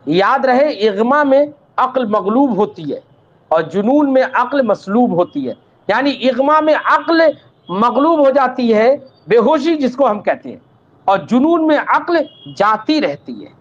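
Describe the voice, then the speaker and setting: A religious teacher with a very high voice and big pitch swings gives an Islamic law lesson on a dull lo-fi recording. He recites Arabic text, explains it patiently, calls the students "child" and checks that they've understood.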